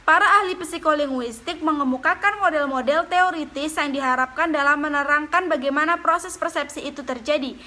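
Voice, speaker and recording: A young woman reads out a lesson at a steady pace, keeping close to her notes. Her voice sits high and has a bright, clear edge. She sounds like a student presenting coursework. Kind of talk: reading a lecture presentation.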